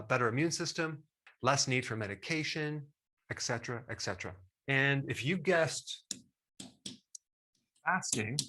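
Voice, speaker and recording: A man's voice: mid-range voice, bright, forceful tone. A middle-aged man hosting a health talk straight to the viewer, enthusiastic and emphatic, with casual asides. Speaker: health educator host. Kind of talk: direct-to-camera health talk.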